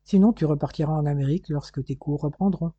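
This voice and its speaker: A man's voice: fairly high pitch, fast, warm tone, husky, dry recording, lo-fi sound. A man voicing an eminent researcher and loving husband in an audiobook, read in an assured tone. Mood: fatherly.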